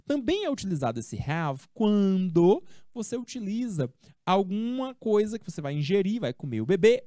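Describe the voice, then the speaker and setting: A woman's voice: mid-range voice, mellow, no echo, clean studio sound. A Brazilian woman teaching English, explaining in a chatty way and asking herself her pupils' questions before answering them. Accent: Brazilian Portuguese. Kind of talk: classroom explanation of a text.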